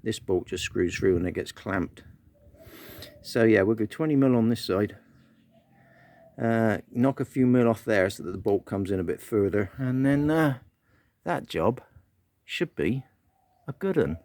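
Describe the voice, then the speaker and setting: A man's voice: lowish voice, expressive, measured pace, pauses often, darkish tone, no echo. A man talking casually through a motorbike repair, muttering asides to himself. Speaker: motorbike vlogger. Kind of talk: casual workshop how-to.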